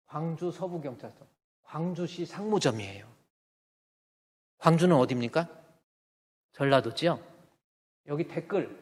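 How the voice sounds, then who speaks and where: A man preaching a Sunday sermon as pastor, talking colloquially with loud, emphatic bursts. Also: on the high side. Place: church sanctuary. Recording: long church reverb. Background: long hall reverb.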